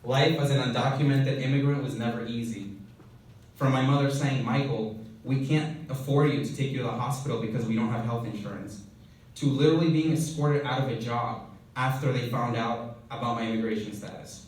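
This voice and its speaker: A young man from Honduras giving a keynote speech, reading prepared remarks in a measured, earnest way. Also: mid-range voice, darkish tone. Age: young adult. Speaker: keynote speaker. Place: event hall. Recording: very echoey hall from far off, faint noise.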